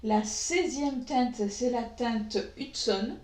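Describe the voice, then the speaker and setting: A woman walks through a makeup tutorial at an unhurried pace, pausing often and filling gaps with hesitations. Her voice sits a little high. The recording carries a noticeable echo from the room. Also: a little mellow. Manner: slow, hesitant, many pauses and fillers. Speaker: beauty vlogger. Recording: echoey room.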